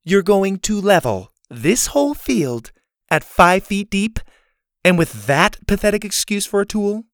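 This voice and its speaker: A man's voice: high-pitched, big pitch swings, a little slow, a bit bright, no room sound, studio quality, pitched above the performer's own voice, heavily acted. A man putting on a haughty, theatrical teenage girl. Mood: scornful. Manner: indignant and theatrical.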